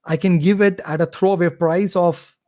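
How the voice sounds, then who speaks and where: A man in his 30s from India appears as a guest on a casual live-stream interview, speaking eagerly, talkatively and promotionally about his courses. His voice is high and a little mellow, with fairly even intonation and a moderate pace, picked up by a computer mic on the stream.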